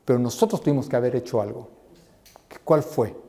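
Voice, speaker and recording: Brief: middle-aged teacher, mellow tone, lively class-discussion delivery. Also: male voice, brisk, gravelly. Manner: animated, acts out quoted voices in a raised pitch. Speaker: seminary teacher.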